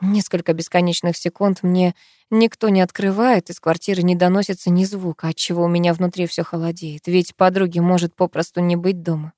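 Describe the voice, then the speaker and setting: A woman's voice: on the low side, level tone, a little fast, mellow, dry recording. Dry, close woman telling a tearful story. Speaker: audiobook narrator. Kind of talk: first-person emotional story reading.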